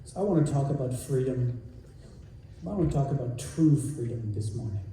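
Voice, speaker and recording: A man giving a sermon as a guest rabbi, in an earnest, measured manner that repeats its key phrases. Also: mid-range voice, mellow, slight background noise. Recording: echoey room, distant mic.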